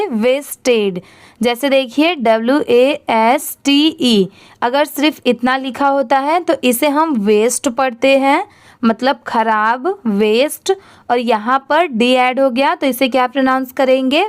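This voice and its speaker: Indian woman as reading teacher: high, smooth voice, unhurried letter-by-letter spelling, quizzes then answers herself. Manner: spells words letter by letter, then asks and answers how to pronounce them. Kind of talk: slow spelling-out reading lesson.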